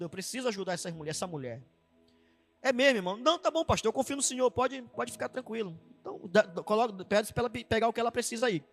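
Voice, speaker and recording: Male pastor, middle-aged, high voice, storytelling sermon, soft music behind. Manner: storytelling preacher, acts out dialogue with fervent exclamations. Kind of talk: sermon testimony.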